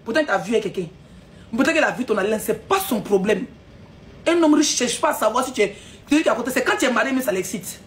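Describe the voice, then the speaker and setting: A woman's voice: on the high side, expressive, quick pace, slight background noise. A woman ranting on a live stream, scolding and mocking her audience with frequent laughs.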